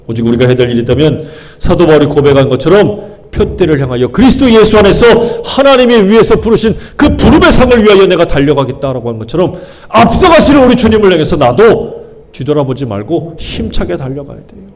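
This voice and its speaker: A man preaching a sermon with a fairly high voice. He pastors with emphasis, rising to loud exclamations and then dropping to soft, hushed pleas to the congregation. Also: very animated, brisk.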